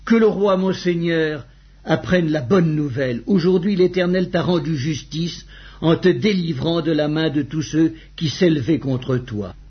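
A man reading the formal lines of a dutiful male servant bringing news, in a husky voice. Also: on the high side, measured pace. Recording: dull lo-fi recording.

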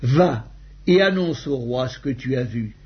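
A man reading the curt lines of a stern male army commander in a husky voice. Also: mid-range voice, expressive, unhurried. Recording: dull lo-fi recording.

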